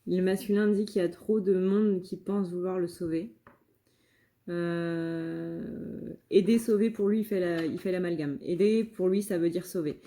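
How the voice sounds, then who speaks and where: A woman's voice: fairly low pitch, fairly even intonation, a little slow, dark tone. A woman giving a casual channeled tarot reading, hesitant, with many fillers and restarts. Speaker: tarot reader and medium.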